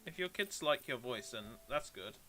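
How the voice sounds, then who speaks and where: A man's voice: mid-range voice, expressive, normal speed, noisy background. A British man streaming a game, chatting casually with viewers in a rambling, self-deprecating way. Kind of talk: casual live-stream chat, answering viewers.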